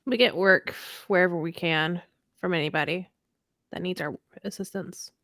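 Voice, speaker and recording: A woman player in a tabletop game, asking calm, direct questions in character. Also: lowish voice, normal speed, dry recording, clean studio sound. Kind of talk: tabletop role-play.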